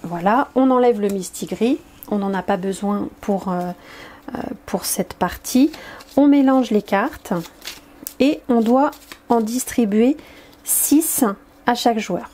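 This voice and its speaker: Woman presenter, warm mellow tone, hesitant and explanatory, demonstrating a card game. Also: fairly high pitch, a little hiss or hum. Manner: hesitant, explanatory, many filler pauses.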